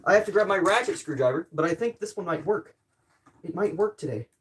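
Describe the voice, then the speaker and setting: A man's voice: high-pitched, expressive, a little fast, slight background noise. Jokey man narrating his tinkering. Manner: rambling, jokey self-deprecating running commentary; talks to viewers while working with tools. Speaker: livestreamer. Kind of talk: casual livestream chat while tinkering.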